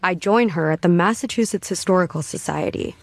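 A woman's voice: on the low side, gravelly, no echo. Woman reporter narrating a dry-sounding feature. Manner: steady, measured storytelling. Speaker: radio reporter. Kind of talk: scripted radio feature narration.

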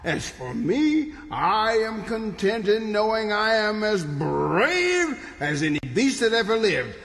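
A proud storybook lion, pompous and declamatory. The high voice moves slowly and swoops widely, echoing in a big hall. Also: male voice, big pitch swings, gravelly, a bit bright, full character voice. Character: boastful, grandiose male Lion, proud of his bravery. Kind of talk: theatrical audio drama acting. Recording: long hall reverb.

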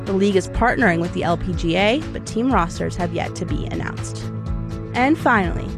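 A woman reading a scripted local business news briefing as the anchor, in a crisp, measured delivery. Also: fairly low pitch, lively intonation. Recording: music bed under voice. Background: music.

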